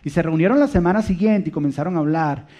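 A man preaching with quick, rushing delivery and a warm, mellow tone pitched a little high for a man. He tells stories with lively energy and sinks into hushed emphasis for key lines. The recording sounds dull and lo-fi. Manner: animated storytelling, dropping to soft quiet emphasis. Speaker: pastor. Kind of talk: sermon with personal stories.

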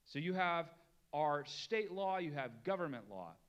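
A man's voice: on the high side, very animated, measured pace, clear, resonant tone, muffled recording. A middle-aged man preaching a sermon, drawing out key words for emphasis and talking plainly to his congregation. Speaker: pastor.

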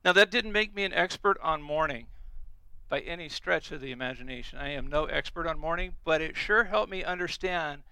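Earnest preacher man, bright crisp voice. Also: fairly high pitch, brisk, dry recording, rough recording. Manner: earnest, emphatic, repeats key phrases. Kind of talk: sermon.

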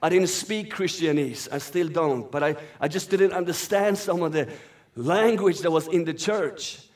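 With a slightly mellow voice on the high side and a moderate pace, a man preaches as a guest speaker, reading scripture in an earnest, flowing manner. He was born in Iran, raised in Sweden, and speaks Farsi as his first language.

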